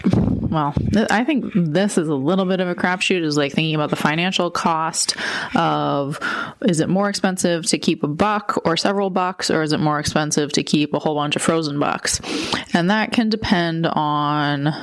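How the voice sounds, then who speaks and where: Low-voiced New woman podcasting casually. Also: moderate pace. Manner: informal, rambling, thinking aloud. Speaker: podcast host. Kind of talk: casual solo podcast monologue.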